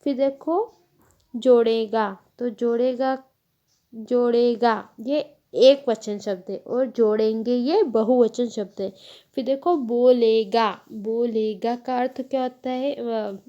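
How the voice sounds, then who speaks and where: A woman teacher slowly walking children through a lesson, explaining each step patiently and correcting herself as she goes. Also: on the high side, steady tone, dark tone, dull audio. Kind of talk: Hindi grammar lesson.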